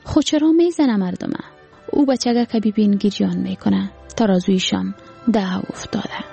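A woman's voice: mid-range voice, gravelly, mellow, faint music behind, lightly acted. A woman voicing a small hungry girl who asks questions in a tired, pleading voice, with an Afghan Dari accent.

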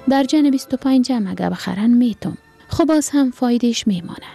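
A woman voicing a poor old grandfather who sells bananas, speaking gently and patiently in an Afghan Dari accent. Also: fairly high pitch, expressive, vocal fry, breathy edge, soft background music, voice pushed up, heavily acted. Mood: gentle. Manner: gentle, lecturing, then hawking loudly.

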